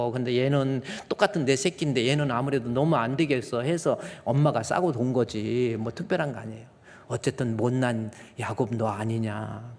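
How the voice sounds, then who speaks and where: Male pastor, chatty, teasing sermon voice that builds to fervent shouting; echoing sanctuary. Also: mid-range voice. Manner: conversational preaching, teasing the congregation, rising to loud passionate peaks. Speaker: senior pastor. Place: church sanctuary. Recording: long reverb of a church sanctuary.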